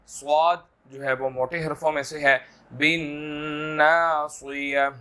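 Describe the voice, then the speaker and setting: A man teaching a tajweed lesson, chanting verses slowly and then explaining the rules briskly, often checking in with his listeners. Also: fairly high pitch, fairly even intonation, sharp tone. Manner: checks in with listeners, asking "theek hai ji". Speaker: Quran recitation teacher. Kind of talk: tajweed lesson with slow recitation.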